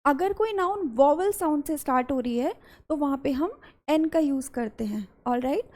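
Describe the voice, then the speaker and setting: A woman with an Indian English accent gives a classroom-style English grammar lesson, mixing Hindi and English. She explains step by step and repeats key words, her high, darkish voice animated at normal speed.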